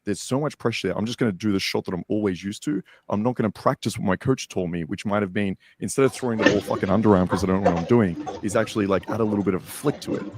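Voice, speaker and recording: Guy rattling off a point real fast, cussing, low voice, dry sound. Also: a little hiss or hum. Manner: rapid, emphatic, profane explaining. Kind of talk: casual chat.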